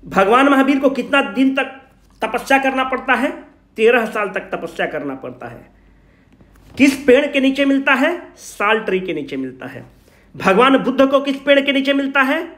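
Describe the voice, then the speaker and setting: In a sing-song, slightly bright voice, a coaching teacher with a high pitch and Bihari Hindi accent gives a relaxed exam revision talk at moderate pace. Posing questions and answering them himself, he emphatically repeats the essentials in everyday terms, all within a strongly echoing room.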